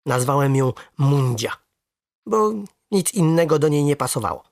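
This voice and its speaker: A storyteller reading a first-person children's story aloud with lively, expressive narration. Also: mid-range voice, normal speed, no echo, clean studio sound.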